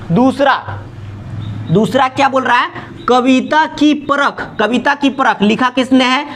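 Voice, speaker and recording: Male tutor with a very high voice, drills with repeated rhetorical questions. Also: a bit bright. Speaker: teacher. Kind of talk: exam-prep memory trick lesson.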